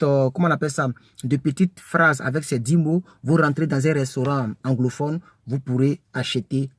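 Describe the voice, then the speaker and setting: A man teaching English words to French speakers in a casual lesson, repeating each word slowly and chatting with many fillers. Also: mid-range voice, darkish tone, no room sound. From French-speaking country.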